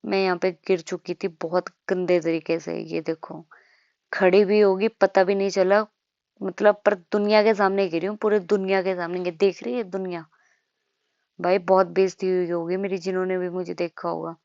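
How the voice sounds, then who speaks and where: A woman's voice: on the low side, flat delivery, moderate pace, gravelly, darkish tone, no echo, lo-fi sound. A young woman from India narrating her travel vlog in a chatty, self-mocking way, talking straight to her viewers. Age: young adult. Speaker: travel vlogger.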